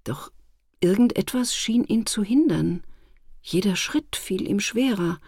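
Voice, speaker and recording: Woman narrator for a fairy tale; husky, low, measured, no room sound. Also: no echo, clean studio sound. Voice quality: husky, gravelly. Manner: calm, measured storytelling. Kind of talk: storybook reading.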